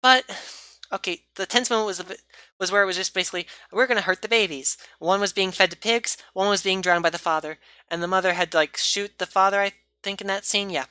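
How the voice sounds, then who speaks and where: A woman's voice: mid-range voice, steady tone, fast, bright, forceful tone, smooth, dry recording. A woman giving a casual, rambling movie review, often stopping to correct herself and apologize.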